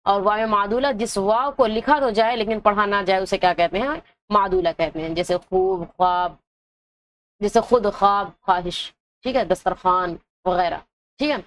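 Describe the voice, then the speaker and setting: A woman's voice: medium pitch, fairly bright tone. A woman teaching an Urdu exam-prep lesson, asking her own questions and answering them, dragging out example words to show how they sound. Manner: drags out example words to show their pronunciation.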